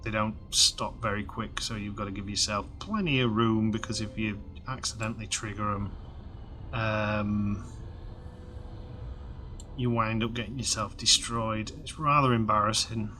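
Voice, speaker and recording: A man in his thirties, slightly hoarse, rambling casually with lots of fillers while commentating a video game. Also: fairly low pitch, fairly even intonation, unhurried, pushed and bright, slight background noise. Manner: rambling, chatty, many fillers and restarts. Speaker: game let's-play host.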